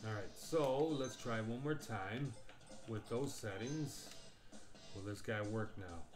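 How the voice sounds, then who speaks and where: A man hosting his gaming channel, chatting casually and thinking aloud as he plays, his voice slightly hoarse. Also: on the low side, slow pace, music in the background. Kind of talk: casual gameplay commentary.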